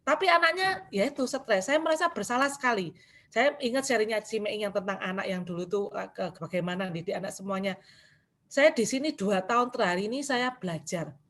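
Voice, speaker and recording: A woman's voice: medium pitch, brisk, fairly bright tone. A middle-aged woman, sharing a candid personal testimony at a church women's gathering in a conversational tone. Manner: candid, conversational, with frequent casual fillers. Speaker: church member giving testimony.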